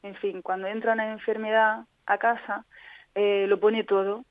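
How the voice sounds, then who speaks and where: A woman speaks as a radio interview guest, recounting her own experience in an earnest, reflective tone. Her voice sits at a middling pitch. It comes through a tinny, phone-like line with a dry sound and no room echo. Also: little pitch movement, moderate pace. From Spain. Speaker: interview guest, patient advocate. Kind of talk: personal account in a radio interview.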